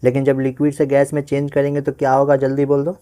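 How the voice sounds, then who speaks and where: A man with an Indian accent teaching a physics class online, his voice warm and mellow in tone. He speaks at an unhurried pace, checking in with his students with quick questions that he then answers himself. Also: mid-range voice, completely flat delivery, clear, resonant tone. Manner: says he talks slowly on purpose.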